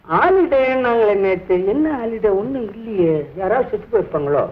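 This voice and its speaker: Fretting fellow, high and lively in pitch, muttering slowly. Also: male voice, narrow, tinny audio. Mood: worried. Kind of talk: 1960s Tamil film acting.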